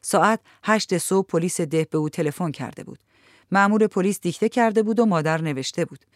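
A woman narrating a literary novel in a calm, measured storytelling voice. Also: fairly low pitch, no room sound, studio quality. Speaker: audiobook narrator.

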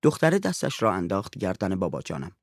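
A man narrating a story in an expressive reading voice. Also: low-pitched, no echo, studio quality.

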